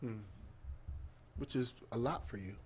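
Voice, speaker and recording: A man's voice: mid-range voice, measured pace, a crowd in the background. Teasing man co-hosting a talk show. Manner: teasing, probing, asks pointed follow-up questions. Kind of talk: casual banter on a TV talk show. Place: TV studio.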